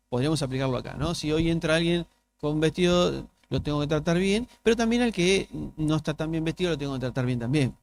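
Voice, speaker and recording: A male pastor with a Rioplatense Spanish accent, preaching a sermon in a conversational way and often asking the congregation rhetorical questions. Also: fairly high pitch. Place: church.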